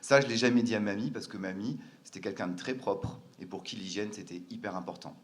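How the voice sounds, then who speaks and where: A man's voice: lowish voice, fairly quick. A man from France telling a personal family story, earnest and hesitant, with frequent fillers and restarts.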